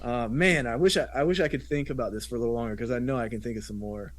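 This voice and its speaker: A man's voice: mid-range voice, rapid-fire. A man who is a business coach, guesting on a podcast and chatting animatedly, mimicking others when he quotes them. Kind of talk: casual conversational interview.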